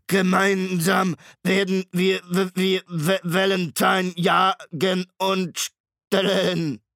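A towering undead machine stalker, speaks in a high, stuttering, creaking drawl, each word dragged out slowly and pushed out loud, as if from a broken tape. The audiobook sound is dry, close and gravelly. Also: male voice, little pitch movement, dry recording, heavily acted. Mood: menacing. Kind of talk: audiobook reading.

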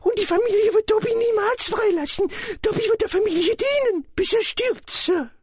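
A man reading a storybook aloud and voicing a small, servile, anxious male house-elf in a squeaky high falsetto. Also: normal speed. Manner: servile, frantic, calls everyone sir. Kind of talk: audiobook reading.

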